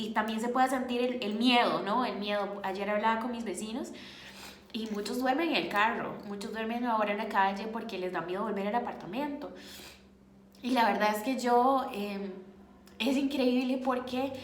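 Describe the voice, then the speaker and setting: Earnest Costa Rican woman vlogging. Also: on the high side. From Costa Rica. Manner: earnest and reflective, searching for words. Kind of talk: casual vlog talk to camera. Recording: echoey room with faint noise.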